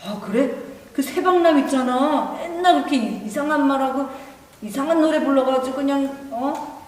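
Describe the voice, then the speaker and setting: A woman voicing an excited, gossipy village woman who exclaims and chatters as a storyteller's character. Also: sits high, normal speed, voice pushed up, lightly acted. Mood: gossipy, marveling. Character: excited gossipy Indian villager woman marveling at changed neighbours. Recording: echoey hall, distant microphone.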